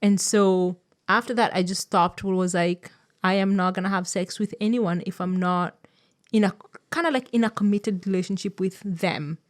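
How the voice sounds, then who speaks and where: A woman's voice: medium pitch, fairly even intonation, normal speed. Chatty woman from Kenya, podcast co-host. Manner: chatty, storytelling. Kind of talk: casual podcast chat.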